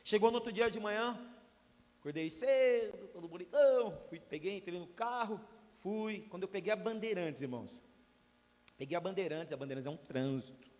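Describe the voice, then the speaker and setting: A man's voice: high-pitched, moderate pace, darkish tone. A young man, preaching a sermon as a pastor and telling stories with humorous asides to the congregation. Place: church hall. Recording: long hall reverb.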